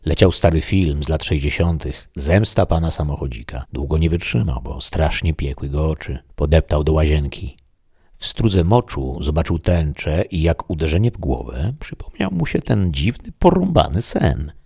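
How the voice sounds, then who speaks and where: A man narrating a scripted horror story in a steady, dramatic reading. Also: very deep voice, moderate pace, slightly rough, no room sound, studio quality.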